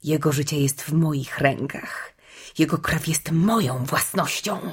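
A woman's voice: sits low, breathy edge, heavily acted. A woman voicing a cruel, gloating witch queen who drawls her words and breaks into shrieks. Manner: mocking, drawn-out, sudden shrieks.

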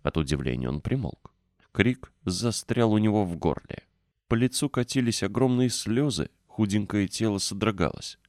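A man narrates an audiobook from a script in an expressive storytelling style. His pitch is fairly low and his pace moderate. The recording is studio quality with no room sound.

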